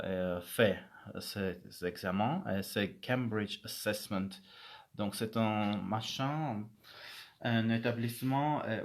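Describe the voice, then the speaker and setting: Slow, hesitant man explaining exams. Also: medium pitch. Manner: hesitant, many fillers and restarts. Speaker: English teacher. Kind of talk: casual spoken explanation to camera.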